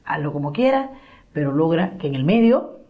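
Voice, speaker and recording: Woman, fairly low voice, lecturer, rhetorical questions. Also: moderate pace, dull audio. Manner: lively, asks herself questions and answers them; acts out quoted voices in anecdotes. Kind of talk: diploma course lecture.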